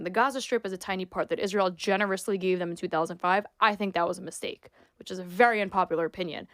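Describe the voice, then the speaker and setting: A woman in her twenties from New York talks as a podcast guest, opinionated and emphatic, with "like" sprinkled through her sentences. Her voice sits at a middle pitch, and it is recorded close and dry with no room sound. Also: dry recording. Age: 20s. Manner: emphatic, opinionated, frequent "like" fillers. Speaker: guest, sports reporter and influencer. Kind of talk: casual interview talk.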